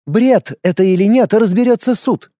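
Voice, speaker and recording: A man's voice: high voice, normal speed, mellow, dry recording, studio quality, pitched above the performer's own voice, close to an everyday voice. A man voicing a cold, scheming female elf commander who speaks in an icy, commanding, contemptuous way. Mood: threatening.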